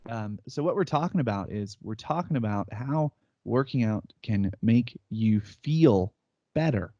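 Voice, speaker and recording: A man's voice: mid-range voice, expressive, measured pace, warm tone, dry recording, muffled recording. A man in his thirties co-hosting a podcast, telling stories in casual chat and laughing often as he acts out quotes. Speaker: podcast co-host. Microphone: remote call setup.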